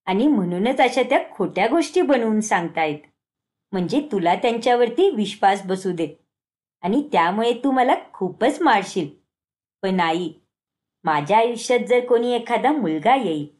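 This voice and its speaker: A woman voicing a sly teenage girl, the younger sister-in-law, who talks defensively and pleads in a lowered voice. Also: darkish tone, natural voice.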